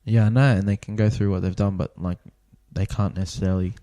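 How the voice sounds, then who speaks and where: Low-voiced man, swearing, incredulous. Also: little pitch movement, fast, dark tone, dry recording. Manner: swears a lot, incredulous reactions. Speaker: podcast co-host. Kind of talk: casual podcast chat.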